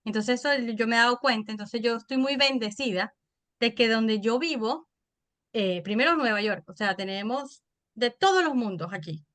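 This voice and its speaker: A woman in her thirties with a Venezuelan accent, a podcast guest telling stories in an animated, chatty way. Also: on the high side. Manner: animated storytelling, quick and chatty. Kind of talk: casual interview chat.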